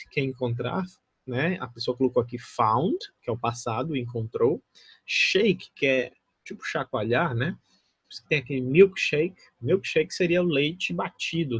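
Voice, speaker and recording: Husky Brazilian man teaching English. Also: mid-range voice, no room sound. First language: Portuguese. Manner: explains patiently, often checks with "né?" and "tá?". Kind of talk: recorded online English lesson.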